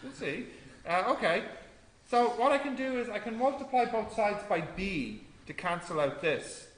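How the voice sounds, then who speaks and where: Male maths tutor, high voice, step-by-step and questioning; echoey room, faint noise. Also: lively intonation, moderate pace. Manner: explains step by step, asks the class questions. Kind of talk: classroom tutorial. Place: classroom.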